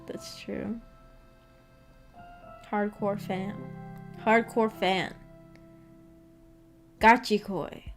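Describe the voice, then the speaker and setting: She speaks at a medium pitch with fairly even intonation, very slowly and with long pauses. As host of a visual novel book club livestream, she giggles, hesitates and rambles through casual replies to viewer comments while music runs behind her.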